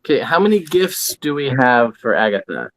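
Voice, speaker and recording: A man player in a tabletop game, talking plainly and directly. His voice sits at a middle pitch. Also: sing-song, brisk, fairly bright tone.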